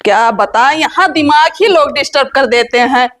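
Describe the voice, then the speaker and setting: A woman plays a young city bride who loves dancing for reels and refuses farm work in a village comedy skit. She talks in a breezy city way, in a high voice. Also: moderate pace, a bit bright, a little hiss or hum. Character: showy young city bride, reel-loving and defiant. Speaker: daughter-in-law in a comedy skit. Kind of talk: rustic comedy skit acting.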